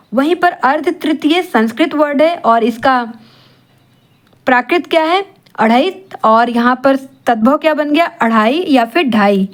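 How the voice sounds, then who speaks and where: A woman tutoring for an exam in Hindi, asking rhetorical questions and answering them herself, mixing in English terms. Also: high-pitched. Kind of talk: classroom-style exam lesson.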